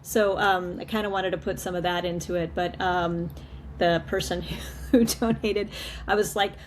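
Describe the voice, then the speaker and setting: A woman's voice: fairly low pitch, fairly even intonation, normal speed, a little hiss or hum. A woman filmmaker chatting as a guest in a casual video call interview, repeating words and laughing often.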